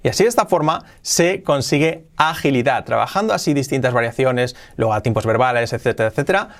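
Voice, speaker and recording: A man from giving an energetic online lesson as an English teacher, punching out each numbered tip. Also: mid-range voice, quick pace.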